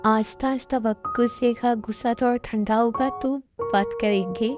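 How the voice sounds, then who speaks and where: Woman doing a soothing older mom type, calm and caring, music under it. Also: fairly high pitch, moderate pace, close to an everyday voice. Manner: soothing, reassuring. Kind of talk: Hindi fan dub. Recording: music in background.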